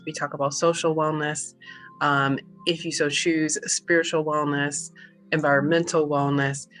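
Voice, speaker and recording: Woman coach leading a slow breathing session, low voice, soft relaxing music playing faintly behind. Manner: calm, slow guided breathing instructions. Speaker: holistic business coach. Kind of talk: guided mindfulness session.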